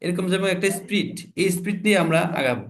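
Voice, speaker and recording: A man's voice: sits high, lively intonation. A man teaching an online spoken English class, drilling sentence patterns and urging students to speed up. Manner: drills patterns, coaxes students to speak faster. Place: online video call.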